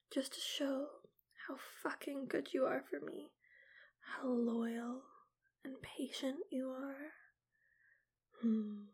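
Whispered ASMR roleplay; woman, slow, husky-creaky, teasing, lips close to the mic. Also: sits high, a little mellow. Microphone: close mic, right at the ear.

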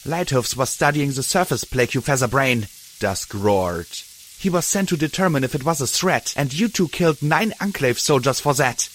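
A man's voice: fairly low pitch, lively intonation, normal speed, hardly any pauses, fairly bright tone. A man voicing a proud, hostile female pegasus soldier who talks with scorn. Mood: scornful. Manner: hissing, scornful.

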